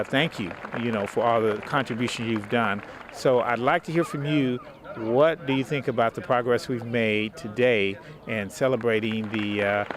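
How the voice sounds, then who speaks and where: A man hosts a community cable show at an outdoor city event, his voice sitting at an ordinary pitch. He talks earnestly and at length, thanking guests and praising the community.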